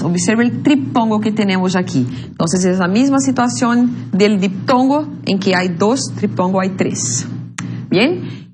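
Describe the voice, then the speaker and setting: A woman teaching a language lesson, explaining step by step, checking in with "ok?", and drawing out example words slowly. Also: on the high side, noisy background. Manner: switches between Portuguese and Spanish, stretches out example words. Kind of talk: recorded classroom lesson.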